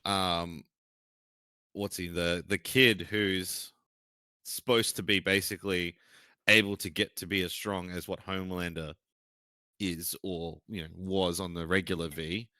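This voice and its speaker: A man's voice: deep voice, fairly even intonation, a little slow, sharp tone, no echo. A man co-hosting a casual chat, blunt and swearing often, trailing off mid-sentence. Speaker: podcast co-host.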